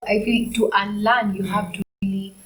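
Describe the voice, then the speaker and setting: A woman's voice: mid-range voice, level tone, normal speed, poor audio. A woman with a Kenyan accent speaking on a church family panel, reflective and asking searching questions.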